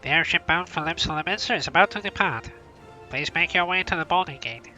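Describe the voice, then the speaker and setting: A formal male airship announcer calls passengers over loudspeakers in a measured, official cadence, as a man puts him on while reading a game aloud. The voice sits fairly high and sounds sharp and bright. It comes through dull and lo-fi, as if heard from off the mic. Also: faint music behind. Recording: muffled lo-fi voice from off-mic.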